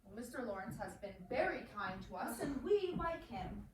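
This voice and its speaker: A woman's voice: fairly high pitch, sing-song, moderate pace. A woman playing an earnest, proud young woman in a period drama, polite but spirited. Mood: earnest, loyal. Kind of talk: stage-style period drama dialogue. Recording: very echoey, distant, faintly noisy room recording.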